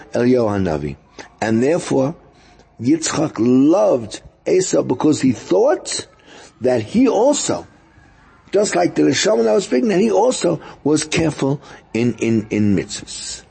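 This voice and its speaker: Male rabbi for a scripture lecture; mellow but creaky, husky tone, explains haltingly and repeats key phrases. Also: a little high. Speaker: rabbi giving a Torah lesson. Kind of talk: religious lecture, explaining texts.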